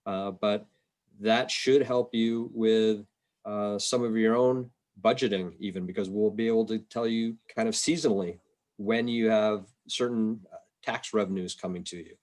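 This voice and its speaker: A man with a low, steady, somewhat dark voice gives an informal slide presentation on a conference call, speaking a bit haltingly. He presents policy for a state revenue agency and is indoors on a video call, heard through its microphone.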